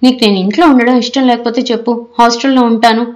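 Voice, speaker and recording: A woman's voice: fairly high pitch, steady tone, fast talker, close to an everyday voice. A woman voicing a hurt college-age daughter who protests plaintively to her mother, in an audiobook reading.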